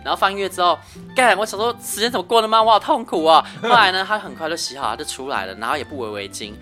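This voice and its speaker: A man with a Taiwanese Mandarin accent, a podcast co-host telling a story in an animated, dramatic way. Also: sits high, rapid-fire, soft background music. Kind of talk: casual storytelling chat.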